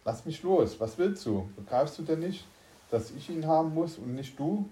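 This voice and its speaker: A man voicing an agitated man in a spacesuit, a later copy of the narrator, in a read-aloud story, pitched well above his own voice and shouting in an echoey room. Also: animated, moderate pace, natural voice. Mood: urgent.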